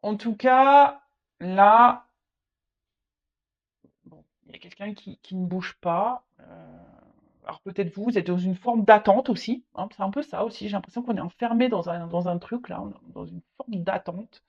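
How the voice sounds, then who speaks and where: Woman tarot reader talking straight to the viewer, hesitant and repetitive, mid-pitched, muffled home recording. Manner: halting, repeats words, many fillers; speaks directly to the viewer. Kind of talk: casual tarot reading to camera. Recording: slightly dull lo-fi audio.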